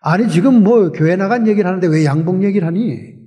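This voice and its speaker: A pastor voicing a puzzled young churchgoer. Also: male voice, high voice, brisk, warm tone, in a large hall, lightly acted. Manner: incredulous, questioning. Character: puzzled churchgoing young man questioning a friend.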